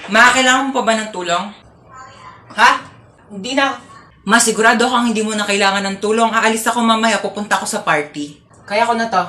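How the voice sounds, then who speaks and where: A woman's voice: on the high side, brisk, long pauses, pushed and bright. A woman acting out several parts in short comedy sketches. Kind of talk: comedy skits. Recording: clear music under the voice.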